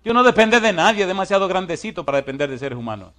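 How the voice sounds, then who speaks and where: A man preaching a sermon in an animated way, reading scripture slowly and deliberately, then swinging from loud exclamations to soft asides. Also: high voice.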